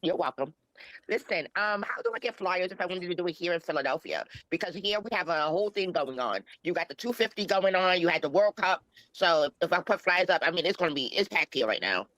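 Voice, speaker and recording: Man on a deep pitch-shifted voice changer. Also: animated, brisk, sharp tone, no room sound, poor audio. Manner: rambling and repetitive, with fillers. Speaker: caller on a livestream panel. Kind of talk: casual call-in chat.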